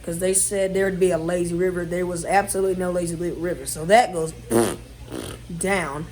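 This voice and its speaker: His voice sits high with a darkish tone and fairly even intonation at normal speed as this vlogger meanders through a condo kitchen walkthrough, full of fillers and false starts. A washer runs nearby, and water and appliance noise are audible throughout.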